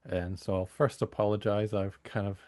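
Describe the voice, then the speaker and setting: Low, gravelly British man teaching. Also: flat delivery, normal speed, a little mellow, no echo, studio quality. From United Kingdom. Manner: informal, hedging with fillers. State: slightly hoarse from a cold. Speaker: university lecturer leading a training session. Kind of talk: online training talk.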